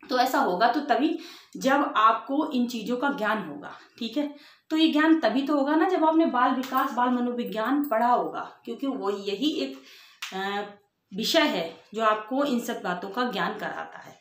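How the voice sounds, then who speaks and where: A woman's voice: a little high, animated, moderate pace. A woman teacher giving an exam-prep lecture, explaining in simple words, asking rhetorical questions and checking in with "ठीक है". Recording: echoey room.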